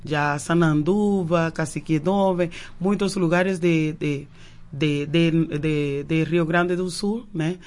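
A woman's voice: sits low, slow, darkish tone. A Cuban woman whose first language is Spanish, a naturopath guest on a radio show, who speaks Portuguese with Spanish words mixed in and often repeats words while searching for them. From Cuba. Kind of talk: radio interview answers. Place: radio studio.

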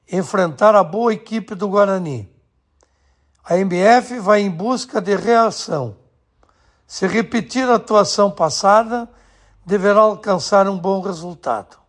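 A man from Rio do Sul, reading scripted sports commentary on the radio in a measured, deliberate way with short phrases. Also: high-pitched.

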